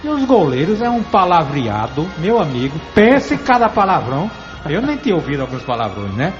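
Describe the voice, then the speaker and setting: A man's voice: fairly high pitch, sing-song, normal speed, big-room sound, dull audio, faint music behind. A man from Alagoas hosting a sports interview, chatty and storytelling, often laughing. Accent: Alagoas Brazilian. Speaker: radio sports host. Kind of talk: conversational interview.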